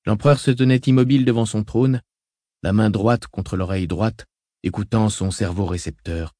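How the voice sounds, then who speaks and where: A man narrating an audiobook in a measured, dramatic reading style. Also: fairly low pitch, steady tone, warm tone, no room sound, studio quality.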